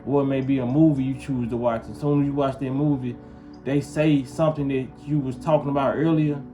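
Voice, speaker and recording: This male vlogger from Memphis, in the US South, chats to camera with music playing underneath. His mid-range voice holds a steady tone at a slightly fast clip as he rambles and repeatedly asks viewers, "you feel what I'm saying."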